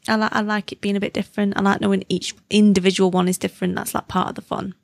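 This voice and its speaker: A woman's voice: medium pitch, little pitch movement, fast talker, creaky, no echo. A woman in casual podcast chat, rambling informally and correcting herself as she goes. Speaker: podcast participant.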